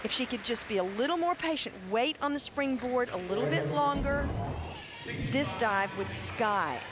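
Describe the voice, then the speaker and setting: A woman's voice: sits high, animated, normal speed, over a noisy crowd. A woman giving analytical, explanatory diving commentary as an expert. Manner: explanatory, evaluative. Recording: loud venue noise behind the voice.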